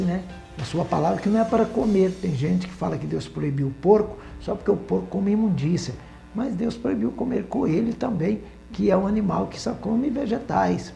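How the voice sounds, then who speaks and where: A man with a Brazilian Portuguese accent giving a Bible study lesson, talking in an unhurried, hesitant way with fillers and restarts. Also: a little high, gravelly, darkish tone. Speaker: Bible teacher.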